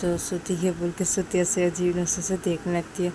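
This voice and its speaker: A woman's voice: lowish voice, monotone, brisk, dark tone, low-quality recording. Brief: woman narrating an audio story casually, faint noise behind. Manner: plain, repetitive connecting phrases.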